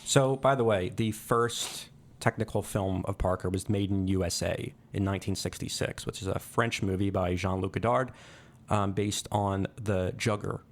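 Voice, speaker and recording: A man's voice: low-pitched, steady tone, moderate pace. A man co-hosting a podcast, talking casually about movies, thoughtful and hesitant with many fillers. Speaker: podcast co-host. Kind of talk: casual film discussion.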